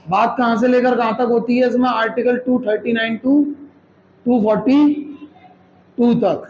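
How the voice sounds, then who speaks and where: A man's voice: very high voice, steady tone, unhurried, a little mellow, highs cut off. A man teaching a classroom lecture, explaining step by step and checking with students through rhetorical questions, mixing Hindi with English terms.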